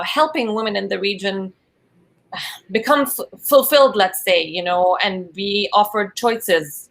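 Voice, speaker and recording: Egyptian-born woman, lowish gravelly voice, thinks out loud on a podcast. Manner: thoughtful, searching for words. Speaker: guest, social entrepreneur. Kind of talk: podcast interview.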